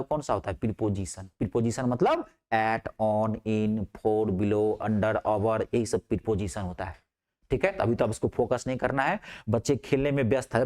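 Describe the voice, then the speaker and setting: A man with an Indian accent teaching English grammar, asking questions and answering them himself, and reading example sentences out slowly. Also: mid-range voice. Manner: lively, asks questions and answers them himself, drills words. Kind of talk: classroom lecture.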